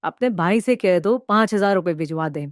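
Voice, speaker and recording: A woman plays a greedy cartoon mother-in-law who nags and bosses her daughter-in-law around. Her voice is smooth and clear, recorded dry and close with no room sound. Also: lowish voice, expressive, normal speed, no room sound, close to an everyday voice. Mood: demanding. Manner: bossy, nagging, demanding. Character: greedy scheming middle-aged mother-in-law. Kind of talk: cartoon voice acting.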